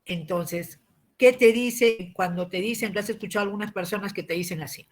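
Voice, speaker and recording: A man, giving a civics lesson as a teacher. He explains patiently, often tags his points with a question and clears his throat. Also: high voice, moderate pace.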